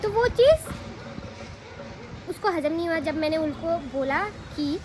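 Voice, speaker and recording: A young woman from from tells a personal story in a chatty, animated way. She keeps turning to the listener with quick rhetorical asides. The recording carries a clear hiss of background noise. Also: very high voice. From Assam, India. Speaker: vlogger. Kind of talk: casual storytelling to camera.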